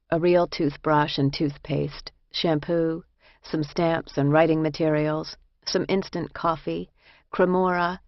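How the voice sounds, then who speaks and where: A woman narrating a first-person memoir in a measured, reflective way. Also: low-pitched, no echo. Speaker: audiobook narrator. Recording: dry, slightly muffled recording.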